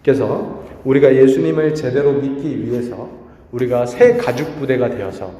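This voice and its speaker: A man's voice: mid-range voice, normal speed, dark tone. A man preaching a sermon to a youth group in a conversational way, asking the audience questions and acting out quotes. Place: church hall. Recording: echoey hall reverb.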